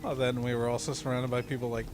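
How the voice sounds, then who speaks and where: A man's voice: mid-range voice, level tone, fast talker, a little mellow. A man in his twenties co-hosting a casual gameplay commentary with sarcastic, joking banter. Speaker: gaming co-host. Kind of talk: casual let's-play commentary. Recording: noisy home mic recording.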